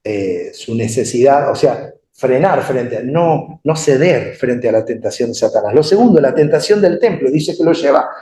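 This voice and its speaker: A man with a Rioplatense Spanish accent preaching a sermon in a conversational, animated way, often asking the congregation questions. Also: mid-range voice, moderate pace, hardly any pauses. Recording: echoey room.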